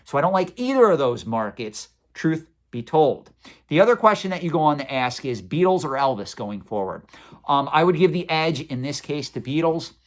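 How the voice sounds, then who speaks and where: In his forties, this man runs a collectibles channel and fields viewer questions with a conversational, opinionated tone that sometimes turns sarcastic. His voice is fairly high.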